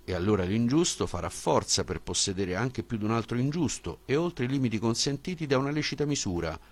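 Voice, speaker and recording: A man reading a philosophical dialogue as an audiobook, with a measured, questioning delivery. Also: mid-range voice, animated. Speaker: audiobook reader.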